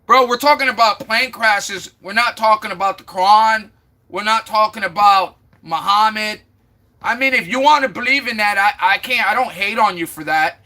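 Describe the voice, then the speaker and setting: On a live stream, a man from Florida, USA, casually talks with viewers and repeatedly sounds out their names. His voice sits high, pushed and bright, at a normal speed.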